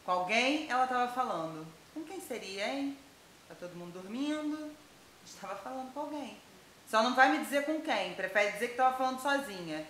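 A sharp-tongued, prying mother with a Brazilian accent, acted by a woman, her voice bright and a little high with lively pitch swings. She fires off demanding, sarcastic questions in a roomy, echoing space. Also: fairly quick, a little hiss or hum. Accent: Brazilian Portuguese. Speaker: actor in a scene. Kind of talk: acted dramatic scene. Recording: echoey room.

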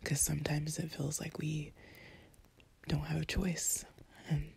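A woman in a whispered role-play as an empathic girlfriend, comforting the listener in a soothing, tender, breathy whisper with long pauses. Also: sits low, monotone, a little mellow. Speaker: intimate audio performer playing a comforting girlfriend.

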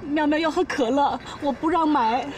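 A woman's voice: high voice, moderate pace, close to an everyday voice. An actress playing an anxious older grandmother who speaks emotionally and calls out repeatedly. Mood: tearful. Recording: distant mic with loud music.

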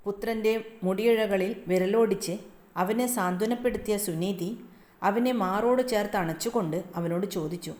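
A woman's voice: medium pitch, moderate pace. Woman narrating a story, echoey room. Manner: expressive, dramatic. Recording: roomy echo.

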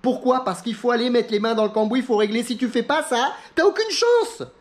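A chatty middle-aged man from France talks straight to his viewers in a casual vlog. His voice sits high and swings widely as he tells stories. He acts out what other people said and laughs often. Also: expressive, a little fast. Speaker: sim racing YouTuber. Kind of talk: casual talking-head chat.

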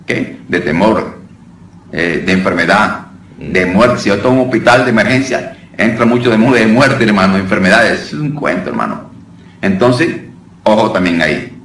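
A man's voice: on the low side, expressive, moderate pace, fairly bright tone. A man giving an informal preaching lesson on deliverance, talking conversationally, often calling his listeners brother and restarting his phrases. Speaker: deliverance minister teaching. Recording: roomy sound from a distant mic with faint noise.

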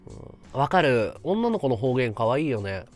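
A man's voice: mid-range voice, big pitch swings, normal speed, a little mellow, faint music behind. A man from Chiba chatting casually with his live-stream viewers, rambling and laughing at his own stories. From Chiba, Japan.

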